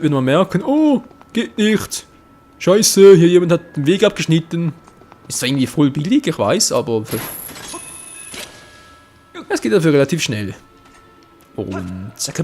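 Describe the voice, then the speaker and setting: A young man giving let's play commentary, his voice lively and leaping up and down in pitch as he reacts. He is excitable, swears often and keeps talking to his viewers. Faint game music plays behind him.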